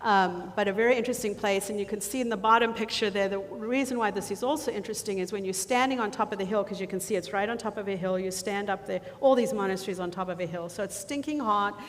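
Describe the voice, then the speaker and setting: A woman's voice: medium pitch, fast, few pauses. A woman presenting a mission trip slideshow to a church congregation, chatty and full of ums, often losing her thread and starting over. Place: church sanctuary. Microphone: handheld or lapel mic. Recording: reverberant church hall, faint noise.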